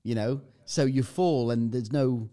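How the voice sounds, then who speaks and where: A man's voice: medium pitch, unhurried, warm tone. Man telling a story vividly. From United Kingdom. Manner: vivid storyteller, swears freely. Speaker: podcast guest. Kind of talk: casual chat, anecdote.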